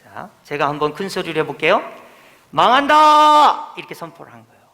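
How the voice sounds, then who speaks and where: A man's voice: fairly high pitch, rapid-fire, vocal fry, a bit bright. A male pastor giving a teaching sermon in a church, emphatic, asking questions and answering them himself, heard in an echoey hall. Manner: emphatic, drills the congregation, asks and answers himself. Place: church sanctuary.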